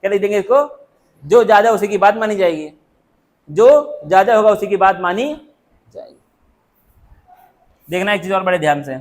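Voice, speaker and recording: This man lectures a class in a high, expressive voice at a moderate pace, pausing often. He keeps throwing out rhetorical questions and drilling the answers back in call-and-response fashion. He jokes around, teases the students and calls on them by name.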